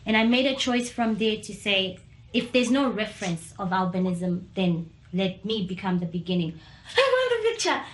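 A young woman with a medium-pitched, sing-song voice speaks at a moderate pace in a reverberant space. As an interviewee giving personal testimony, she tells her own story candidly and earnestly in a conversational way.

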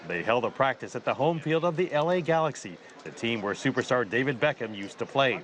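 A man reporting a news story in a steady, scripted voice-over. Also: mid-range voice, brisk.

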